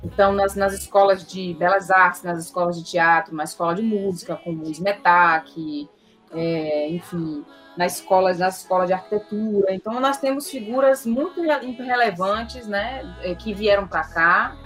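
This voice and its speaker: A woman from Salvador talks about her musical roots in a reflective interview. She often stops, restarts and repeats small words as she thinks aloud. Faint music sits quietly beneath her voice. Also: medium pitch, normal speed. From Salvador, Bahia, Brazil. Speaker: musician guest.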